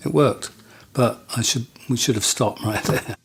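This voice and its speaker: A man's voice: mid-range voice, measured pace, creaky, music in the background. An English man recalling his band days in an interview, wry and dry, often stammering as he restarts. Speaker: guitarist interviewee. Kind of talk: reflective interview recollection.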